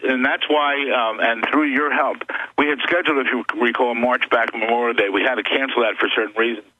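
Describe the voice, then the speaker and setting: A man's voice: medium pitch, breathy edge, dry recording, lo-fi sound. A man who is an attorney, a guest on a talk radio show, speaking earnestly and insistently as he lists grievances.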